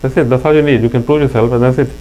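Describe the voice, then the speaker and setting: A middle-aged Pakistani man with a Pakistani accent speaks very fast in a steady, warm, mid-range voice on a rough recording with faint mains hum. As a guest in a casual interview, he tells stories earnestly, often restarting.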